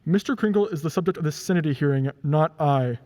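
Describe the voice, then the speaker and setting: A man's voice: fairly high pitch, quick pace, darkish tone, long reverb tail, natural voice. A man playing a stern, impatient courtroom judge in a radio play, formal and pompous in manner. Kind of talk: stage-style radio play acting.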